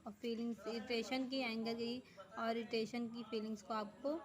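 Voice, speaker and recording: A woman teacher giving a grammar lesson, reading definitions slowly word by word, then explaining them quickly. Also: fairly high pitch, fairly even intonation, crowd noise, low-quality recording. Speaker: school teacher.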